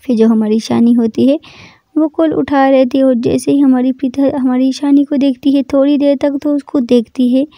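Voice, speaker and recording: A woman narrating a love story in an unhurried, repetitive storytelling manner. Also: high voice, fairly even intonation, no room sound, muffled recording.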